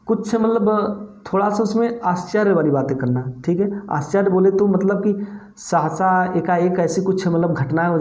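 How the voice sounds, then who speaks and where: A man's voice: high voice, dark tone, echoey room. A male teacher giving an exam-prep grammar lesson, explaining step by step and asking and answering his own questions.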